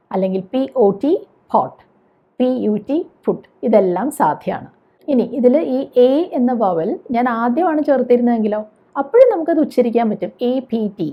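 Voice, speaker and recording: A woman with a slightly rough, somewhat high voice teaches spoken English on a dull lo-fi recording. She explains things patiently, spells words out letter by letter, and puts questions to the viewer.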